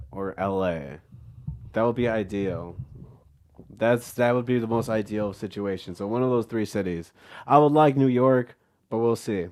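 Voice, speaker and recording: A man with a medium-pitched voice talks casually as a guest. He rambles, starting thoughts and letting them trail off before finishing. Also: darkish tone. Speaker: interview guest, comedian. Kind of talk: casual chat.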